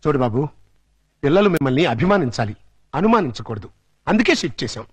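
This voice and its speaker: A man's voice: on the high side, very animated, husky, no room sound. An actor playing a sly older man who lectures and wheedles a young couple in a film comedy scene. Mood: preachy. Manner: lectures and wheedles, swings between brisk chatter and solemn pleading. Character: fast-talking scheming older man, preachy and sly. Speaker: scheming elder who arranges a couple's home.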